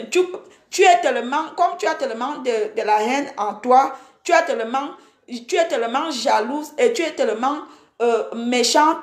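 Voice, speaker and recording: A high, reverberant female voice carries an angry Facebook live rant. The speaker, a social media personality from Cameroon in her forties, berates a rival with indignation, saying the same things again and again.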